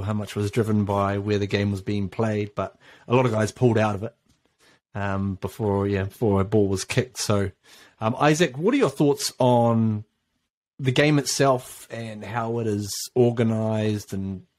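Easygoing New podcast host. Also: male voice, fairly low pitch, a little mellow. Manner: easygoing, leads the talk with filler-laden questions. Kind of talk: casual sports chat.

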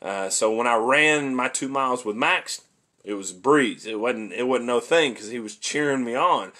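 A male pastor streams an informal sermon from home, speaking in an easy, rambling, conversational way. He pauses often on fillers and restarts his sentences. His pitch sits in a middling range for a man. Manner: warm and encouraging toward listeners. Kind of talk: casual online sermon.

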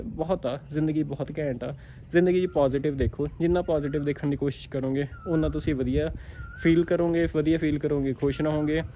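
A Punjabi-accented dairy farmer gives a casual motivational talk to camera, repeating himself and repeatedly checking in with "theek aa". His voice is fairly high with a dark tone, over a little hiss or hum.

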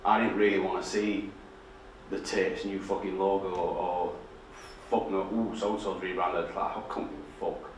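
A deep-voiced, middle-aged designer with a thick Yorkshire accent delivers flat, normal-speed storytelling in a public talk, blunt, self-deprecating and packed with swearing. He stands on a dark theatre stage with a projector screen, recorded from a distance in an echoey hall with slight background noise.

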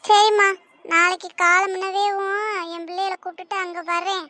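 A woman voicing a strict, scolding mother of two girls, stern and drawn-out. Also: extremely high pitch, fairly even intonation, sharp tone, dry recording. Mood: warm. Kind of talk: cartoon voice acting.

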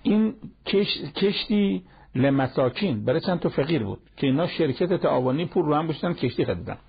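A man with a rough, gravelly, raspy voice gives a Quran lesson as a storyteller, slipping into the speakers' lines as he retells the dialogue. The sound is dull and lo-fi, like an old television broadcast. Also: on the high side, animated. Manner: retells a story in plain colloquial speech, acting out the dialogue. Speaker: Quran teacher.

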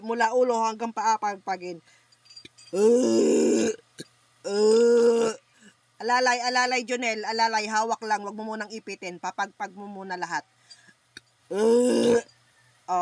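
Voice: mid-range voice, fairly bright tone. A faith healer leading an online healing session over a video call, chanting incantations and giving short repeated commands.

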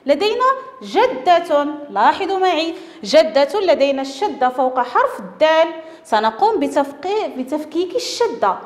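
A woman teaches young children to read, stretching each syllable slowly. Her voice sits high and swings widely in pitch. The recording carries a roomy echo with a long tail. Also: very animated. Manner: slow, drawn-out syllables for children. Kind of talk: primary school reading lesson. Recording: echoey room with long reverb.

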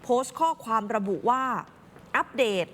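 A woman's voice: high voice, moderate pace, big-room sound, a little hiss or hum. A woman anchoring the news, commenting expressively and speaking straight to the viewers. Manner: expressive, talks directly to viewers.

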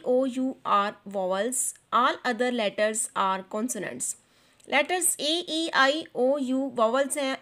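A woman teacher with a Pakistani accent talks through a textbook lesson in a fairly high voice. She reads each English sentence slowly and deliberately, then explains it at a quicker clip. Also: a bit bright.

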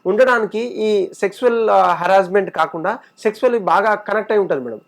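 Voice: medium pitch, fairly quick, creaky. A TV anchor in a studio interview, asking long questions built from strings of repeated phrases.

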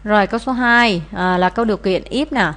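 A woman's voice: medium pitch, a little fast. A woman, teaching as she explains answers to an English test, with many "à" fillers. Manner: frequent "à" fillers, steady explaining.

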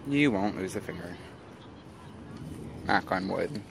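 Low, slow, and edged with vocal fry, this vlogger's voice carries over background noise. Relaxed and leaning on plenty of "uh"s and "um"s, he narrates his do-it-yourself cabin project casually, first in the backyard and then inside the small wooden cabin.

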